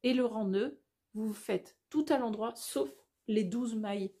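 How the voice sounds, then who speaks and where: Woman, knitting tutorial host, warm dark tone, slightly husky, chatty, self-correcting. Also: on the high side, a little slow. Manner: chatty, thinks aloud, self-correcting, many fillers. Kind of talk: casual step-by-step knitting tutorial.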